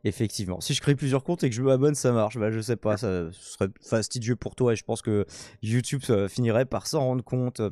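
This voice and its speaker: A man's voice: medium pitch, fairly quick, dark tone, dry recording. Dry-voiced man musing hesitantly. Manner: hesitant, many fillers and restarts, reads articles aloud then comments. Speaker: streamer host. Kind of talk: casual live commentary reading news.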